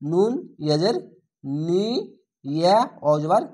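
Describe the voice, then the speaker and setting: Male Quran reading teacher, Bangladeshi accent, patient spell-out lesson with drawn-out chanted words. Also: fairly high pitch, mellow. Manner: spells each letter and vowel, then chants the word slow and drawn out.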